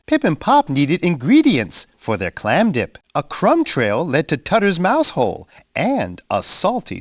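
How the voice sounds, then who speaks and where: Bear, a hugely animated friendly cartoon bear. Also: male voice, on the high side, no room sound, clean studio sound, exaggerated voice. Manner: encouraging, expressive, exaggerated sniffing and reactions. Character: big friendly male bear, cheerful playful children's guide. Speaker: children's game character and storyteller. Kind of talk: children's edutainment game narration.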